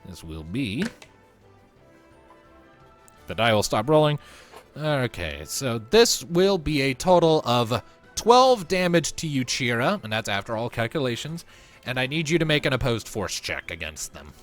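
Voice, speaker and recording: A man's voice: mid-range voice, measured pace. A man running a tabletop role-playing game as game master, chatty and full of fillers, with music behind. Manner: chatty, animated, filler-heavy.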